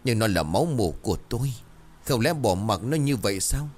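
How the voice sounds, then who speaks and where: A man's voice: on the low side, expressive, brisk, darkish tone. A man voicing a frantic, pleading rich village landlord in a told horror story. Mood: panicked. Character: panicked rich landlord man, domineering then desperate.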